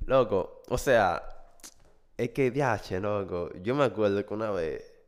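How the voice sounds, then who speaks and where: A man's voice: fairly low pitch, slow. A man hosting a podcast, telling funny stories in casual chat and laughing often. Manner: animated, laughing storyteller. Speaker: podcast host.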